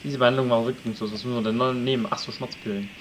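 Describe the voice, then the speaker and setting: Racing through his words in a steady, mid-range voice, a let's play commentator jokes about the survival game he's playing, addresses viewers and shouts at wolves. The audio is poor, with slight background noise.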